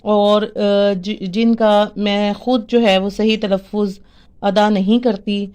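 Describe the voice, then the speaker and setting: A woman with a Pakistani Urdu accent giving an informal lesson on correct spelling and pronunciation, pausing often with fillers. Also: mid-range voice, flat delivery, darkish tone, smooth. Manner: hesitant, with frequent fillers and restarts. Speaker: teacher sharing word corrections.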